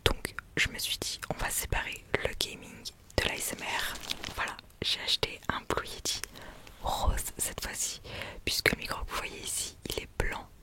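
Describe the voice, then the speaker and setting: A woman whispers in a breathy, unvoiced ASMR style into a close condenser microphone, chatting casually and gushingly as she presents an unboxing. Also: moderate pace. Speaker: ASMR video creator and streamer. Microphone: close USB condenser microphone.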